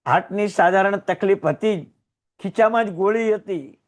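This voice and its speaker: A man preaching to a congregation in a fairly high voice. He tells heartfelt stories, swelling loud and then sinking to near whispers. He is a Jain teacher from Gujarat. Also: normal speed. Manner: emotional storytelling with sudden rises and hushed drops. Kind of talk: sermon.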